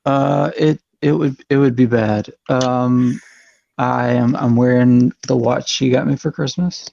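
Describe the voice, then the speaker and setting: A man competing in an online trivia match, wisecracking and chiming in with quick jokes over dull lo-fi call audio. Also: mid-range voice, fairly even intonation, vocal fry, darkish tone. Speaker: trivia contestant. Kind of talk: casual online show banter.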